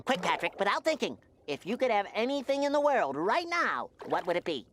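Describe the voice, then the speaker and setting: A squeaky, eager cartoon sea creature. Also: male voice, very animated, moderate pace, music in the background. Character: excitable high-voiced male cartoon sea creature. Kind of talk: cartoon voice acting.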